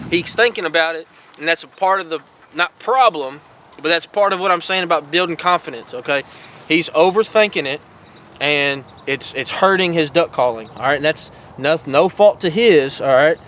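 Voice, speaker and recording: Casual male instructor, high and bright, folksy teaching outdoors. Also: moderate pace, slight background noise, poor audio. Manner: folksy and encouraging, repeats "all right" and "guys". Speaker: host teaching duck calling.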